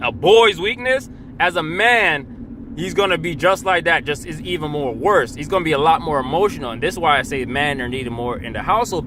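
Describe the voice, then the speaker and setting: Blunt, profane man ranting by traffic. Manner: blunt and profane, swings from low mutter to loud outbursts. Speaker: vlogger. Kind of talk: casual opinion rant.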